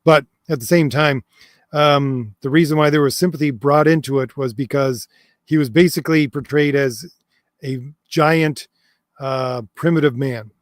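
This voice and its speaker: A host answers viewer comments during a long, casual livestream chat, reading them aloud. His fairly high voice moves at a moderate pace, and he's hesitant, full of fillers and restarts, mentioning that he's losing his voice. The audio is studio quality with no room sound.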